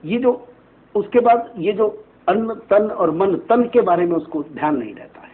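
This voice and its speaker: A man's voice: high voice, lively intonation, a little slow. A man, an astrologer guest on a TV interview, explaining at length in a preachy way and often asking "right?" to seek agreement. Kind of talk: TV interview answers. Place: TV studio. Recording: tinny phone-like band, faint hiss.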